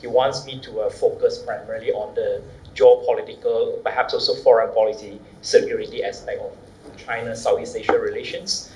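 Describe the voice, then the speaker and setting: Male panel speaker, Malaysian accent, courteous and measured with halting phrasing; echoey room, faint background noise. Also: fairly low pitch, steady tone, darkish tone. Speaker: academic panelist. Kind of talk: semi-formal panel presentation.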